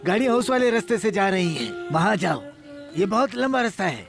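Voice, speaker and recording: A helpful older villager. His high voice bounces up and down as he explains the way, over clearly audible film music. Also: sing-song, brisk, heavily acted. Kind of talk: Urdu film dub acting.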